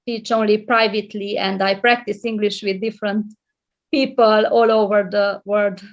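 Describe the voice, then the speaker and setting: Speaking at a moderate pace with a medium-pitched, steady voice, this middle-aged woman from Romania, a native Hungarian speaker, guests on a casual video-call interview. She's a librarian and English tutor, and she hesitates often, with lots of fillers and restarts. The sound is muffled lo-fi.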